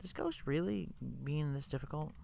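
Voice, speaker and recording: A man's voice: on the high side, moderate pace, gravelly, a little mellow, a little hiss or hum. Congested man chatting while streaming a game. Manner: chatty, rambling, many fillers like "like" and "you know". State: stuffed up, congested. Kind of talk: casual live-stream chat while gaming.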